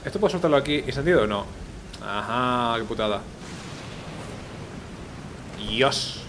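A man's voice: mid-range voice, expressive, unhurried, noisy background. A man, a gaming video host giving casual gameplay commentary, chatty and thinking aloud with repeated filler words.

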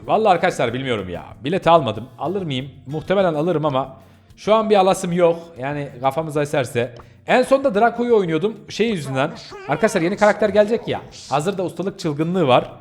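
A man talking casually over gameplay with a fairly high voice that swings widely in pitch. He chats to his viewers in an excitable way, breaking into yelps and laughs as the action picks up. Faint game music plays behind him. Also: a little fast. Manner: excitable, chatty, bursts into yelps and laughter while playing. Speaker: gaming channel host.

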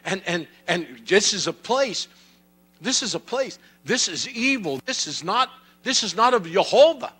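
A man preaching a sermon in a slow, drawn-out delivery. His voice sits high and rings bright and sharp, repeating phrases as he presses each point. A low electrical hum runs under the recording. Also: big pitch swings, husky. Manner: preaching with rising fervor, repetitive cadence. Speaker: pastor.

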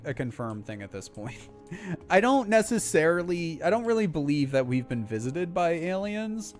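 A young man casually chatting with his viewers as he streams a game, rambling along with lots of filler words. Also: on the high side. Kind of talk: casual live-stream chat while playing.

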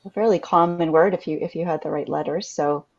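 Low-voiced woman, hesitant commentary. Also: brisk, creaky, lo-fi sound. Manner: hesitant, restarts her sentences. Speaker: Scrabble co-commentator. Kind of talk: live game commentary.

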